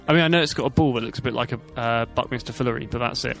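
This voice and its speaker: A man co-hosting a comedy podcast, joking quickly with nerdy asides. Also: medium pitch, vocal fry, a bit bright, faint music behind. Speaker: co-host.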